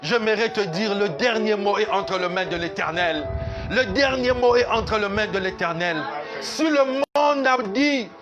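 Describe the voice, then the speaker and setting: A man's voice: high-pitched, expressive, measured pace, dull audio, over music. A man pastor, preaching a sermon at a church service in an emphatic, repetitive way that slips into sung lines.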